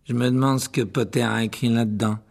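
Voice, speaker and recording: A man's voice: mid-range voice, fairly even intonation, a little fast, gravelly, darkish tone. A man voicing a sneering, drawling teenage boy bully in a storybook reading.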